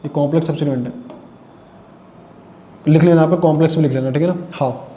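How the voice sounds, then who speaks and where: Male tutor, high mellow voice, tired, self-quizzing lecture style, echoey room. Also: steady tone, quick pace, a little hiss or hum. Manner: repeats questions and answers them himself; speaks Hindi mixed with English terms. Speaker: chemistry teacher. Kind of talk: classroom lecture.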